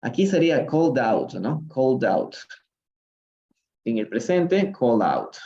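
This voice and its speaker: Slow-talking Peruvian English teacher. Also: male voice, medium pitch, big pitch swings, warm tone, muffled recording. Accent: Peruvian Spanish. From Peru. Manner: explains slowly, switching between English and Spanish, often asking "¿no?". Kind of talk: live-streamed reading lesson.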